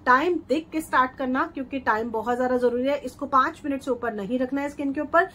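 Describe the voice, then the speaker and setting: A woman's voice: sits high, a bit bright, slight background noise. A middle-aged woman vlogger giving a chatty, persuasive home-remedy skincare tutorial, often repeating her steps. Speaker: beauty vlogger.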